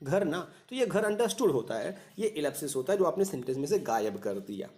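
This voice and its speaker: A male teacher walks through an exam lesson, his pitch swinging up and down animatedly. He explains patiently, often pausing to check that the listener follows. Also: very animated, darkish tone.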